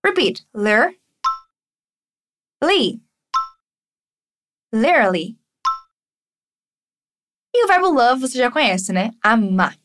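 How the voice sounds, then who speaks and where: High-voiced Brazilian woman teaching English slowly. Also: big pitch swings, fairly bright tone. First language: Portuguese. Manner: slow, deliberate model phrases, then quick Portuguese explanations. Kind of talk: language lesson, repeat-after-me drills.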